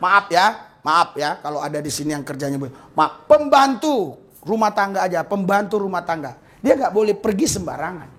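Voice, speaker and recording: High-voiced man preaching a dramatic sermon. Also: expressive, moderate pace. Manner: dramatic preaching with acted-out dialogue and shouts. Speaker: pastor.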